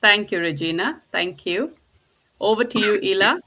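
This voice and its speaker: Introducing guests on a video call, this Indian woman hosts a live-streamed group discussion with eager enthusiasm, describing things as lovely again and again. She speaks at normal speed in a medium-pitched, expressive, sharp voice.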